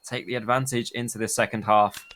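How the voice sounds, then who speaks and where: A man's voice: on the low side, steady tone, brisk, fairly bright tone. A man giving esports caster commentary and analysis in a conversational way. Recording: background noise, game gunfire and clicks.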